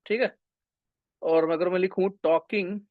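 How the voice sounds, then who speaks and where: Brief: young male grammar tutor, high voice, lively classroom energy, dry close mic. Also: slow pace, dry recording, phone-quality sound. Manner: energetic, mixes Hindi with English terms, addresses students as brothers. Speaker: English grammar teacher. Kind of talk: online exam-prep class lecture.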